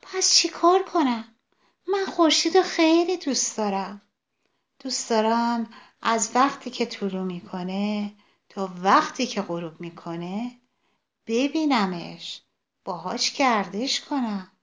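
A woman's voice: on the high side, lively intonation, close to an everyday voice. A woman voicing a sad, lonely young sunflower who talks in a plaintive, wistful, pleading way. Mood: eager.

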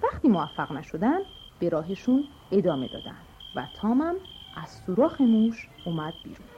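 A woman's voice: mid-range voice, sing-song, a little hiss or hum. A woman storyteller reading a children's story aloud with expression, speaking to children. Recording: dull recording with music behind.

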